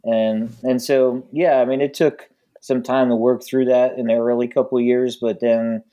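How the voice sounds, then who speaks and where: A man with a medium-pitched voice talks casually as an interview guest, like a musician recalling his career. He pauses and fills the gaps with lots of ums and uhs. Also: level tone, mellow. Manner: frequent ums and uhs, halting.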